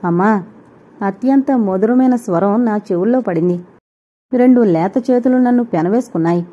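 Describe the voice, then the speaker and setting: Mellow-voiced woman reading a novel. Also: medium pitch, moderate pace, breathy edge. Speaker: audio novel narrator. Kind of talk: scripted first-person novel reading. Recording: dull lo-fi recording.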